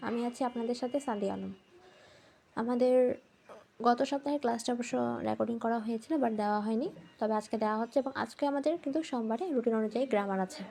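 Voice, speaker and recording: A woman teaching grammar spells words out letter by letter, poses questions and answers them herself, and reads English sentences slowly before explaining them. Her voice is a little high, creaky, and dark in tone.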